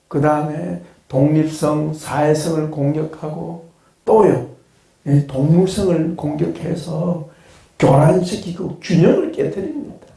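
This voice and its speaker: A man pastor teaching a Bible class in a sermon style, animated and humorous, firing rhetorical questions at his listeners. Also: fairly high pitch, reverberant. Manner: humorous, acts out blunt reactions. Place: classroom of a study institute.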